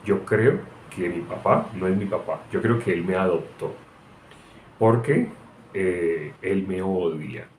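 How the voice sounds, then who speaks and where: A man voicing a hurt little boy of five or six who thinks his father does not love him, speaking quietly, in a roomy recording. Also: deep voice, slow pace. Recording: roomy echo, faint background noise.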